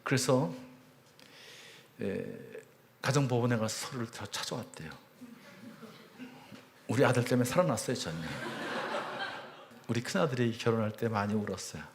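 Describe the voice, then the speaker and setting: A church elder in his fifties tells his testimony to a congregation. He speaks earnestly, climbing high when moved and falling to a soft near-whisper at tender points. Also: animated, moderate pace, long pauses, slight background noise. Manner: earnest storytelling, voice swelling high on emotional peaks; drops to a hushed near-whisper at tender moments. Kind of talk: personal testimony talk.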